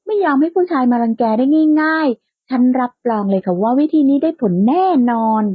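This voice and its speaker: A woman's voice: sits high, animated, fairly quick, breathy edge, dry recording. A woman voicing a bold, playful young woman who likes to tease, in a lightly lo-fi, dry recording. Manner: playful and outspoken, bright and teasing.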